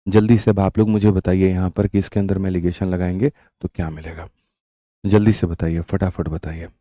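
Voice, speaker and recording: A man's voice: low voice, flat delivery, fairly quick, warm tone, no room sound, clean studio sound. A man with a sore throat teaching a live-streamed maths lesson, asking his students question after question. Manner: addresses students as "mere bhai" and "bachchon", with repetitive rhetorical questions.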